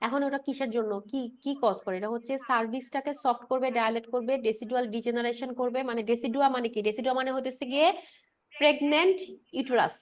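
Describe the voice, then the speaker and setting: A woman's voice: a little high, steady tone, fast. A woman lecturing on pharmacology. She mixes in English medical terms, asks the class questions and answers them herself, and repeats key points with a checking "right?". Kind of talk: explanatory lecture with quiz questions.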